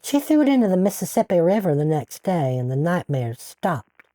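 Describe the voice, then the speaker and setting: A woman playing a caller from New Orleans, telling an eerie family story calmly and steadily. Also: lowish voice, normal speed, dry recording.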